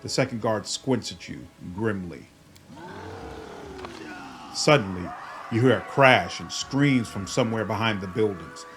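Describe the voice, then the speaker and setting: A man with a fairly low voice plays and narrates a fantasy game. He talks casually as commentary, with game music behind him. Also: expressive, unhurried, long pauses, fairly bright tone. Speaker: gamer, let's play host.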